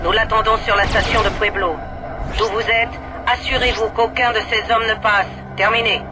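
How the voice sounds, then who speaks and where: An actor playing a serious police commander who gives clipped radio orders in a video game. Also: male voice, high voice, fairly even intonation, moderate pace, natural voice. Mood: businesslike. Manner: clipped military radio procedure. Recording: music behind the voice.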